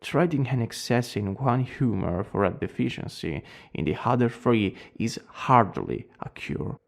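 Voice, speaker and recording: A man playing a cold, formal plague doctor in a role-play, speaking with an Italian accent in a gravelly, deliberate, clinical manner. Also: mid-range voice, animated. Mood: grave, lecturing. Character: cold, eerily polite male plague doctor.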